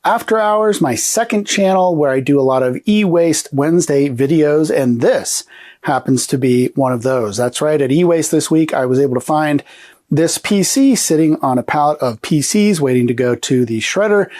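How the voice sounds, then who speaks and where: A man's voice: fairly high pitch, moderate pace, darkish tone. A man in his forties hosting a casual retro computer show, a bit nasal and congested from a recent illness, chatty and upbeat with loose fillers. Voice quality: slightly nasal. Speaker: host.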